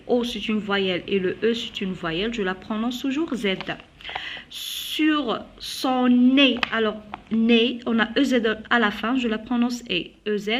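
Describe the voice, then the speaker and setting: Slow-speaking teacher woman, repeating words. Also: on the high side. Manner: slow, drawn-out modeling of words, repeated twice. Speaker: primary school teacher. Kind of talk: phonics lesson. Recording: dull lo-fi video audio.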